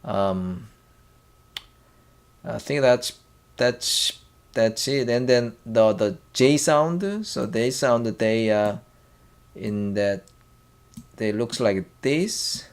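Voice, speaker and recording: In this language lesson, a man with an expressive mid-range voice breaks words down syllable by syllable. He stumbles often, restarting sentences and using plenty of fillers.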